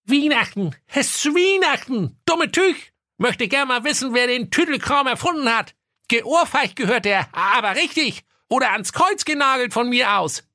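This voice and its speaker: A grumpy old male miser, scornful and snappish. The voice sits high and sounds sharp and bright. The recording is close and dry, as in a studio audio story. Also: animated, normal speed, dry recording, full character voice. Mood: grumbling scornful.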